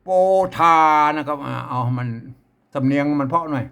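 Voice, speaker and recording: A man with a Northern Thai accent teaching old verse writing, chanting lines and then explaining them in a relaxed way. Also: a little fast, creaky. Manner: switches between high sung chanting of verses and low relaxed explaining.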